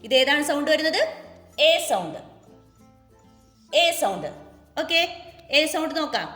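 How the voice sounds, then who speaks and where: A woman with a Malayali accent teaching young children phonics, sounding out letters slowly and coaxing them to repeat after her. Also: high-pitched, very animated, sharp tone. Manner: slow, drawn-out sounding out of letters and words. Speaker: kindergarten teacher. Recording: echoey room with long reverb, faint music.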